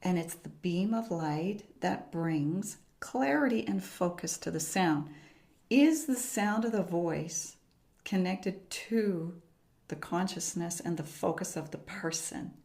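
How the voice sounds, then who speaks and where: A middle-aged voice teacher, a woman, is a podcast guest explaining how she works. She speaks calmly and without hurry, her voice lowish and creaky, every point measured.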